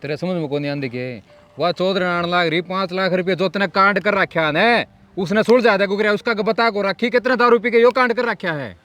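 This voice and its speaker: A man's voice: high-pitched, normal speed, sharp tone. A young man playing a fed-up grown son who scolds and pleads in a Haryanvi accent, in a comedy drama. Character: exasperated grown son scolding his drunkard father.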